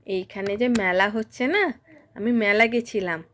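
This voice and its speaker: A woman's voice: medium pitch, normal speed, slight background noise. A woman, a mother, chatting playfully with her toddler in a home vlog and coaxing him with question after question. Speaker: mother and vlogger. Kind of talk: casual chat with her toddler.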